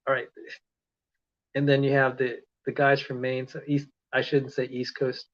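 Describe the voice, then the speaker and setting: A man's voice: medium pitch, monotone, normal speed. A man from the Philippines with an American accent, talking casually and rambling as an online lecturer on a livestream. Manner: rambling, self-correcting, chatty. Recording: dull lo-fi stream audio.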